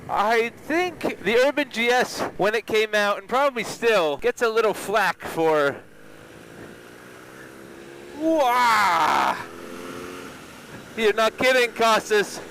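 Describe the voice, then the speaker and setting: A man with a slightly high voice talks from inside a helmet as he rides a motorcycle. His delivery is casual, colloquial and enthusiastic, like a vlogger reviewing on the move. Engine and wind noise sit faintly behind him. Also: animated, measured pace, hardly any pauses, a bit bright. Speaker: motorcycle reviewer and vlog host. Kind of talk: casual motovlog commentary while riding. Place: outdoors, riding a motorcycle. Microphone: microphone inside a helmet.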